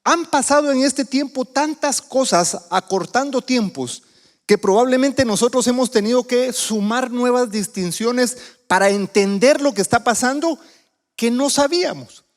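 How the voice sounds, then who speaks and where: A man's voice: very high-pitched, measured pace, big-room sound. A man from Guatemala preaching a sermon as a visiting speaker, talking conversationally and putting questions to the congregation. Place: church sanctuary.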